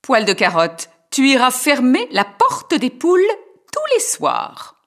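A man's voice: extremely high pitch, wildly swooping pitch, slow, a bit bright, faint music behind, pitched above the performer's own voice, heavily acted. A man voicing a stern, cold mother who gives curt orders to her children. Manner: curt, bossy.

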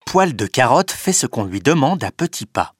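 A man reading a children's story aloud in an expressive, unhurried way. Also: mid-range voice, breathy edge, no echo, clean studio sound. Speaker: narrator.

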